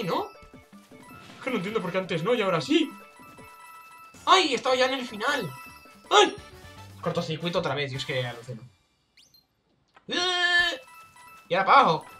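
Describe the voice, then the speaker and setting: A man with a Spanish accent from Spain, chattering through a game in a jokey, excitable way. His voice is bright and bounces all over the place. Game music plays faintly underneath. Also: sits high. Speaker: let's play gamer. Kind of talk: casual gameplay commentary.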